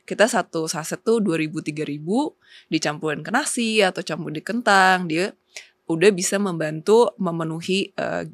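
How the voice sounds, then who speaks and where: A woman's voice: fairly low pitch, normal speed, no room sound. A young woman, a company co-founder as a talk show guest, explaining with figures and many fillers, slipping in English words. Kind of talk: casual talk show interview.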